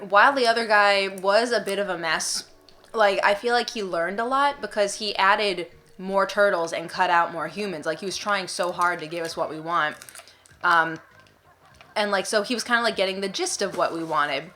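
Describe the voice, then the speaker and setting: A woman's voice: mid-range voice, normal speed, sharp tone. A young woman co-hosting a casual chat, rambling with lots of fillers and restarts. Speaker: co-host. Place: indoors, eating popcorn.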